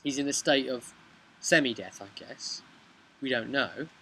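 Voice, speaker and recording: Sitting on a bench outdoors beside a brick house, a game master casually recaps his tabletop role-playing campaign for a storytelling vlog. His voice is bright and medium-pitched with a breathy edge, and he takes his time. The home video is noisy.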